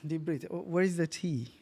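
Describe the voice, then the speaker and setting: A man's voice: on the high side, animated, unhurried, husky. A man from Bangladesh with a Bangladeshi accent, whose first language is Bangla, co-hosting a casual podcast in English and talking hesitantly with many fillers. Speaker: podcast co-host.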